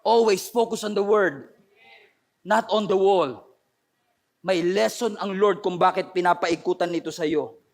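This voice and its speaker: Man, hoarse, high-pitched, pastor, fervent sermon, mixes Tagalog and English, emphatic bursts. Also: a little slow, pauses often, a little mellow. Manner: switches between Tagalog and English, building to emphatic outbursts; preaches to an online audience. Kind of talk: impassioned sermon.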